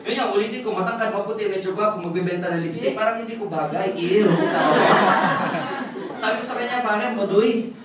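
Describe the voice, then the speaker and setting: A man in his twenties giving a jokey motivational testimony to a seminar audience, often asking them "right?". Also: high-pitched. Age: 20s. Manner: jokey storytelling, keeps asking the crowd "right?". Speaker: testimonial speaker at a business seminar. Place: large echoey seminar hall with audience. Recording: very echoey hall, far off, noisy.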